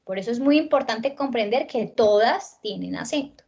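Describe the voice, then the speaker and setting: A woman's voice: a little high, lively intonation, darkish tone, husky, lo-fi sound. Woman teacher drawing out stressed words. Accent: Colombian Spanish. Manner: stresses words slowly, checks in often. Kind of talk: online spelling lesson.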